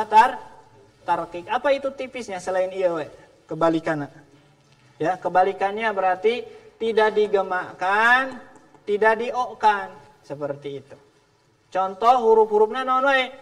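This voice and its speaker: High-voiced man teaching tajwid in hall. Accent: Sundanese. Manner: patient, drills letter sounds, asks students to repeat. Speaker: Quran recitation teacher. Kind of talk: tajwid class with drills. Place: mosque hall, indoors. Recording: long reverb of a large hall.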